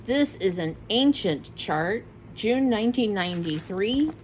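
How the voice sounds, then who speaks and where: In a relaxed show-and-tell, a middle-aged cross-stitch vlogger displays her craft kits, wandering off a little and fixing her sentences as she goes. She has a medium-pitched voice with lively intonation and a measured pace, captured in a rough recording with slight background noise.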